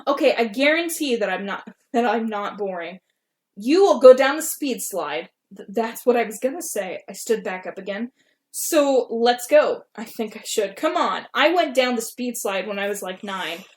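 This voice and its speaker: High-voiced, embarrassed young woman reading aloud. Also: lively intonation, moderate pace. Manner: embarrassed, giggly self-mocking reading, breaking off to comment; voices dialogue animatedly. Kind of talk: reading own old fan fiction aloud with casual asides.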